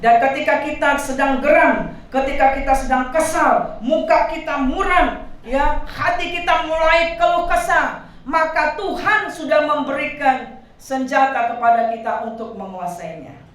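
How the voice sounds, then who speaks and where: A woman pastor with a Medan accent, preaching a sermon in an animated way and calling for answers from the congregation. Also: high-pitched, unhurried. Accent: Medan Indonesian. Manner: animated preaching with call-and-response. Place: church hall. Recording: echoey church hall from far off.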